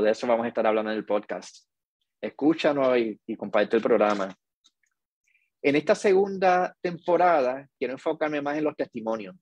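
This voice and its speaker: A middle-aged man, hosting a podcast in a slow, earnest, reflective monologue. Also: mid-range voice, a little mellow, no room sound. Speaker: podcast host.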